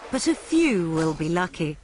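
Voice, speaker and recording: A woman presenting and narrating a nature documentary in a measured, scripted voice-over style. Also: on the low side, sing-song, darkish tone, slight background noise.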